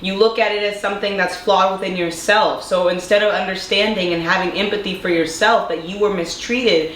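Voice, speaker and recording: A young woman vlogger, a bit congested, talks to camera with earnest sincerity in a casual monologue and asks rhetorical questions along the way. Her mid-range voice is brisk, a touch bright and fairly even in intonation, heard in an echoey room with faint noise.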